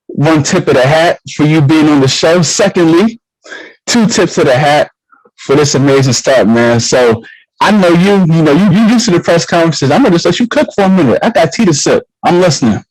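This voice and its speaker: Male league show host, lively swooping delivery, dry close sound, slangy and repetitive. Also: a little high, normal speed, no room sound, low-quality recording. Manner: animated, repeats words, slangy. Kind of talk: casual hype talk show.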